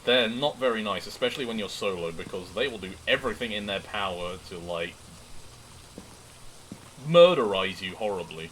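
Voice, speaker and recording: A man doing live horror game commentary, chatting casually to viewers in an animated, excitable way with jokey asides. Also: fairly low pitch, moderate pace, a little hiss or hum, poor audio. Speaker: game streamer.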